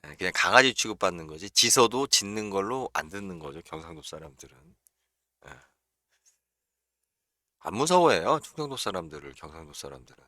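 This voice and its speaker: A man hosting a casual livestream, talking bluntly and chattily. His low-set voice is bright and forceful. The sound is dry and close, with no room in it. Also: big pitch swings, fairly quick, pauses often, no room sound. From Chungcheong region, South Korea. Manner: chatty, blunt, frequent filler "예" and chuckles. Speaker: real estate livestream host.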